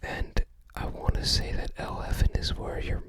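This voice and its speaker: Soft, breathy, and completely unvoiced, the whisper belongs to an ASMR video host thinking aloud over a game guide book. The remarks are unscripted, leisurely, and reflective, as if trying to recall something uncertainly.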